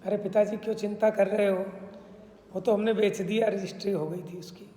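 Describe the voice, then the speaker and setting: A man voicing a young merchant's son who reassures quickly, in a story told during a sermon. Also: sits high, little pitch movement, mellow, lightly acted. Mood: reassuring. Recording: reverberant hall sound.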